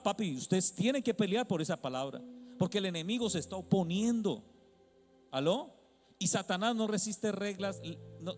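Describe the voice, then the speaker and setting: Man, pastor, fiery sermon, call-and-response, high voice, long church reverb, faint music underneath. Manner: call-and-response, repeatedly asking the congregation "amen?" and "hello?"; colloquial and playful, calling listeners "papi". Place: church hall.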